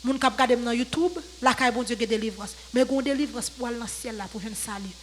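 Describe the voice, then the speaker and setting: Fervent high-voiced Haitian woman preaching. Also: fairly even intonation, quick pace, a little hiss or hum, poor audio. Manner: fervent, repetitive preaching with call-outs to the congregation. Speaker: church speaker. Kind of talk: sermon exhortation.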